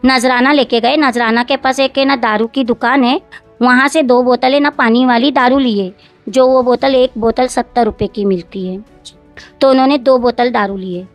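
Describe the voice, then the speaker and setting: A woman speaking gives a long account in an interview. Her voice sits high, and she circles back, repeats herself and quotes others word for word. Faint music plays behind her. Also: fairly even intonation, moderate pace. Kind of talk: recounting events in an interview.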